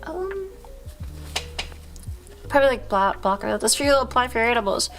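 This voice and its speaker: A woman hosting a casual livestream, chatting with viewers in a rambling, halting, slangy way with frequent self-interruptions and swearing. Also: a little high, big pitch swings, fairly bright tone, faint music behind. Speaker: livestream host.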